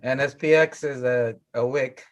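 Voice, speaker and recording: A man hosting a live trading stream, chatting casually about the markets with friends, relaxed and quick to chuckle. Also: mid-range voice. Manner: relaxed, chuckling, talks over others.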